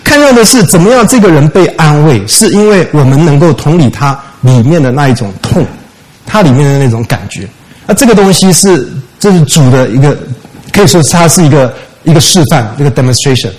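Man preaching an animated sermon. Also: a little high, fairly quick, low-quality recording. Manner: animated storytelling, rhetorical questions, mixing in English words. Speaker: pastor.

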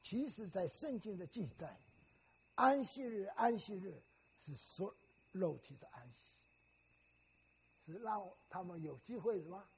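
A man's voice: high-pitched, animated, unhurried, long pauses, husky. An older man preaching a sermon in a teacherly way, often putting questions to the congregation.

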